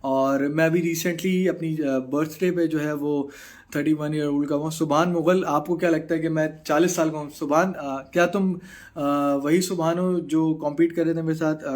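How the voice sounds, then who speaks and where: A man's voice: fairly high pitch, fairly even intonation, darkish tone. Chatty Pakistani man on a live stream. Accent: Pakistani Urdu. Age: 30s. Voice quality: mixes English into Urdu, frequent filler pauses. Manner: chatty, reads out viewer comments and answers frankly. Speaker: bodybuilder answering live chat.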